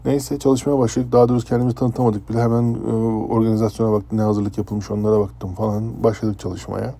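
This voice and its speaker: A man from Turkey, a former ship's chef, casually recounting a personal story in a conversational, animated way. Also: lowish voice, quick pace, creaky. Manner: conversational, animated when telling dramatic parts.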